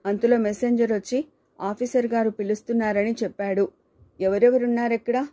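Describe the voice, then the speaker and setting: A woman narrates a short story in a dark, mellow voice at an ordinary middle pitch. Her reading is steady and scripted, and she gives the dialogue light changes of tone. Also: moderate pace.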